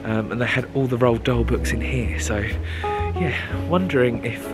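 A young adult Englishman with a medium-pitched voice and measured pace vlogs casually and enthusiastically to a camera at arm's length. He's out in castle grounds and parkland, also inside a shop, with music in the background.

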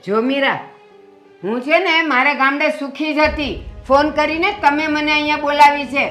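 A woman's voice: sits high, steady tone, moderate pace, soft background music. An actress playing an elderly village mother, who scolds and complains with rising anger in a film drama. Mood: reproachful. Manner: scolding, aggrieved, rising to shouts. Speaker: mother-in-law.

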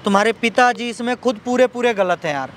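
Pleading man outdoors, high voice. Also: expressive, quick pace, a crowd in the background. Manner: pleading, repeats himself, soothing when she cries. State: unwell. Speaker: vlogger helping a young woman. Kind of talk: outdoor appeal to viewers.

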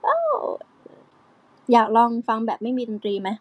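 A woman's voice: on the high side, fairly even intonation, very fast, a little mellow, no room sound, lo-fi sound. A young woman, an idol singer, chatting casually with fans on a live stream, explaining song parts and breaking into short sung snippets. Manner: chatty, playful, sings snippets between explanations. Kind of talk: casual live-stream chat with singing demos.

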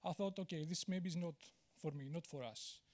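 This conference talk comes from a Greek man on a large auditorium stage with a handheld mic. His voice is high yet darkish in tone, his delivery brisk, candid and self-mocking, full of "uh" fillers and fresh starts.

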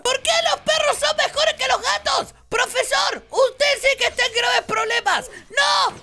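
Man, excitable gaming host, very high bright voice with some gravel. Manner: loud, playful, frequently shouting. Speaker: gaming YouTuber. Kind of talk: excited let's-play commentary.

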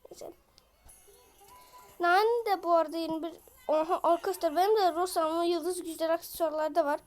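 A woman with a voice off from illness, giving excitable live gameplay commentary, chatting in slang and yelling at opponents. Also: very high-pitched, a little fast. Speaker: gaming video creator.

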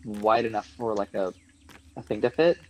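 A man's voice: fairly low pitch, moderate pace, a little mellow, poor audio. A man playing a multiplayer game with friends, talking in a hesitant, wry way with many fillers. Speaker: co-player. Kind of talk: casual multiplayer gameplay chat.

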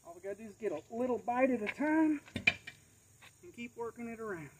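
An American man in his thirties or forties, with an extremely high, expressive voice, gives a casual, folksy do-it-yourself tutorial at a moderate pace while working in a cluttered rural yard. The audio is poor, caught by a camera a few feet away, with faint insects in the background.

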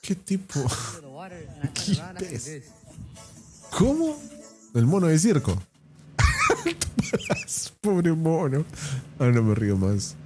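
A man with an Argentine accent giving casual reaction commentary as a streamer, with quick offhand slangy remarks and frequent laughter. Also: on the high side, huge pitch swings, over music. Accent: Argentine Spanish.

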